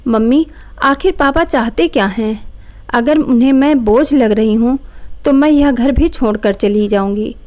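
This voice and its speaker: A woman's voice: a little high, unhurried, a little mellow, close to an everyday voice. A woman voicing a proud, angry young wife who talks sharply and defiantly.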